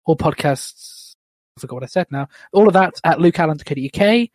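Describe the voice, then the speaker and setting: A man's voice: on the high side, lively intonation, brisk, no echo, clean studio sound. A man hosting a podcast in casual chat, rambling and self-deprecating. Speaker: podcast host.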